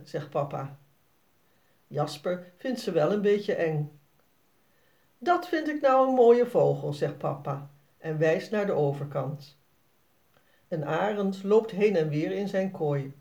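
A narrator reading a children's story aloud, slowly and expressively. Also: mid-range voice, mellow.

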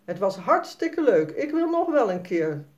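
A woman voicing a small, shy little girl with a soft, small voice in a children's storybook. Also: fairly high pitch, big pitch swings, measured pace, dull audio, pitched above the performer's own voice. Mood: timid.

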